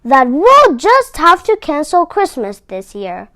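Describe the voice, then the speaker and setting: A woman voicing a kindly old man, Santa, solemn yet hearty, with deliberate emphasis in a children's storybook. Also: high-pitched, wildly swooping pitch, bright, forceful tone, dry recording, clean studio sound, exaggerated voice. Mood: regretful. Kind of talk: children's storybook read-aloud.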